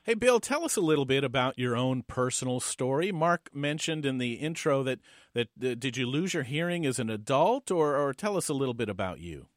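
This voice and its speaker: A man's voice: mid-range voice, big pitch swings, brisk, no room sound, studio quality. An American man hosting a broadcast interview show, introducing and questioning guests. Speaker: show host.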